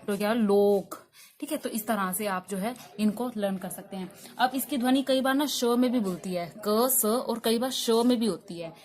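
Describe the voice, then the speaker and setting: A woman's voice: medium pitch, darkish tone. A woman teaching an online pronunciation lesson, explaining patiently and spelling words out letter by letter with frequent check-ins. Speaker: English teacher.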